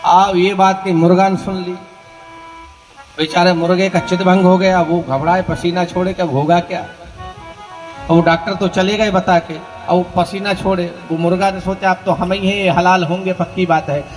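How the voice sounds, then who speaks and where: A man's voice: high voice, steady tone, moderate pace, long reverb tail, faint music behind. A male preacher telling folksy stories to his listeners in a sermon, speaking to them directly and leading call-and-response. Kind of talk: sermon storytelling.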